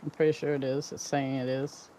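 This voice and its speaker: A woman's voice: extremely low pitch, level tone, a little fast, dark tone, slight background noise. An older woman streaming a video game, chatting casually and rambling, often trailing off mid-sentence. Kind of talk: casual gameplay chat.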